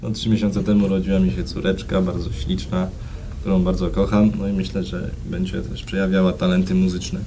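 A man's voice: low-pitched, little pitch movement, brisk, warm tone. A young man, a band musician, chatting casually as an interview guest, on noisy 1990s TV tape. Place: TV studio.

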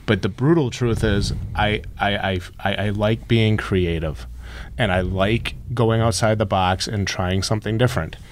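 A man who runs a store, talking as a guest in a casual interview, telling stories in a rambling, animated way with frequent restarts. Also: fairly low pitch, normal speed, slight background noise.

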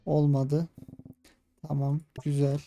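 A man's voice: on the high side, monotone, takes it slowly, vocal fry, warm tone, soft background music. A man with a Turkish accent commenting on his own strategy gameplay, muttering his plans and growing frustrated as attempts fail. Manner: frustrated muttering, talking himself through tactics. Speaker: gaming channel host. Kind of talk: let's play commentary.

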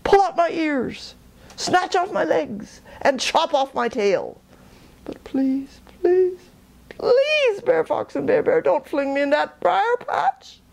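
A woman voicing a sly small male rabbit trickster in a storybook tale, begging in a high squeaky voice with exaggerated mock fear. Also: big pitch swings, slow pace, vocal fry, a little mellow, full character voice. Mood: pleading.

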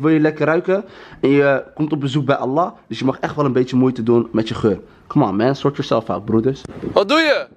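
A man vlogging casually in slang mixed with Arabic and English, bossy and bantering. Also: medium pitch. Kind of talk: casual vlog chat. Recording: noisy handheld vlog audio.

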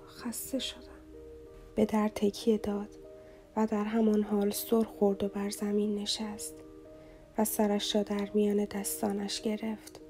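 A woman reading a romance novel aloud as an audiobook narrator in a slow, somber, even way. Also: medium pitch.

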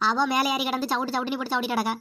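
A woman's voice: high-pitched, level tone, rapid-fire, pushed and bright. A woman putting on a whiny old mother-in-law. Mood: complaining. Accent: Kanyakumari Tamil. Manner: complaining, whiny. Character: older mother-in-law, beaten and whining.

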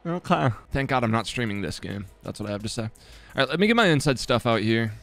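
A young man giving casual, self-mocking commentary on his football video game, swearing often and swinging from excited yelling to low mumbling. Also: quick pace. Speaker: gaming YouTuber.

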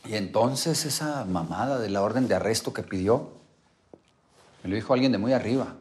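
Low-voiced indignant father, played by a man. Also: normal speed, darkish tone, close to an everyday voice. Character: indignant, protective powerful father. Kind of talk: naturalistic telenovela acting.

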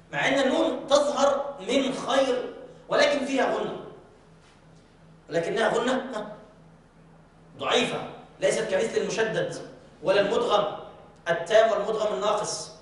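Man, recitation teacher, slow drawn-out examples, high voice, very echoey distant hall. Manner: checks on students often, recites examples slowly and drawn out. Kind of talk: classroom lesson with recited examples. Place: large mosque hall.

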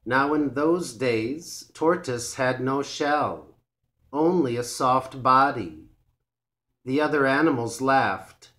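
Male narrator for learner stories, very slow and deliberate, mid-pitched. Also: fairly bright tone. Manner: slow, clear and measured reading. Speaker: English teacher. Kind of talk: storybook read-aloud for English learners.

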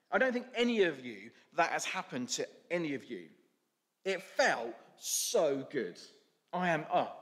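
Guy doing a show-off donkey, squeaky and full of himself, bouncy voice, echoey church. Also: heavily acted. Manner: excited, bragging, high-pitched. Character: boastful self-important male donkey.

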